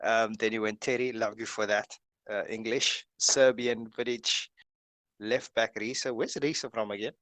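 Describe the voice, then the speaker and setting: A man's voice: lowish voice, steady tone, normal speed, a bit bright, no echo. A man hosting a casual video call, reading through lists with lots of "uh" and "um" fillers. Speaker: host.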